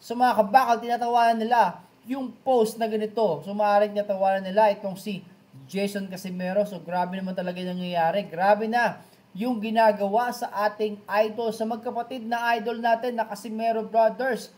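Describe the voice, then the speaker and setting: A man's voice: high-pitched, level tone, normal speed, a little mellow. A man hosting a vlog, reading comments aloud and reacting with chatty, dramatic exclamations, peppering his lines with a nickname for his fans. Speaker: boxing news vlogger.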